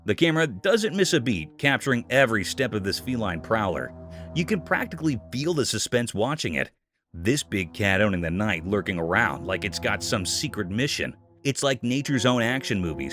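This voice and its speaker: A man's voice: on the low side, fairly bright tone. Chatty male narrator over music. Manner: chatty, folksy storytelling tone. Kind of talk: scripted narration. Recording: clear music bed behind.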